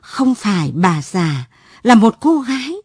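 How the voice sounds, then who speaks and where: Expressive woman reading a story. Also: medium pitch, unhurried, husky, no room sound, clean studio sound. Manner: expressive, dramatic. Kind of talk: scripted late-night radio story narration.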